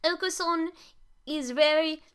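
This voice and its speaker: Gushing, high-voiced woman playing a game. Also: slow pace, a bit bright. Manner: gushing, playful, theatrical. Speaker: let's play host. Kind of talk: excited game commentary.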